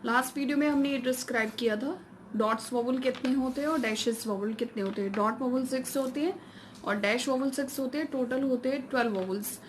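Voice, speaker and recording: A woman with a fairly high voice explains a shorthand lesson step by step, mixing in English terms. She reads the English rules out slowly and carefully. Faint noise hums behind her. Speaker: shorthand teacher.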